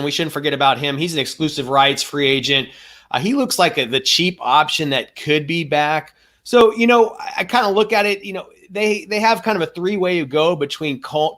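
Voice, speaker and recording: A man's voice: a little high, a bit bright. Methodical podcast co-host, man. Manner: methodical, runs through stats and contract figures; hedging, thinks aloud with "you know". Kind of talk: casual sports analysis chat.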